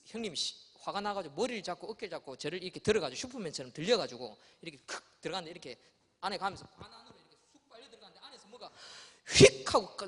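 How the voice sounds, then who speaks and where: Animated pastor in a reverberant church. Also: male voice, on the high side, husky. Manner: animated storytelling, acting out voices and crying. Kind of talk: sermon with childhood story. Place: church sanctuary. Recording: long church hall reverb.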